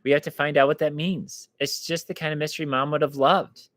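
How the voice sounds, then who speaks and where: A man reading aloud, voicing an anxious, determined teenage girl who is an older sister, speaking in a hushed, urgent way in a storybook reading. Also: on the high side, level tone, a little fast, no echo, lightly acted. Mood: worried.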